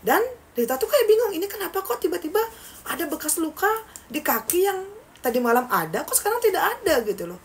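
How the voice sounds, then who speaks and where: A young woman telling a horror story in a casual, chatty way, speaking straight to her listeners and jumping up in pitch at dramatic moments. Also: big pitch swings, quick pace. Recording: slightly distant mic with faint background noise.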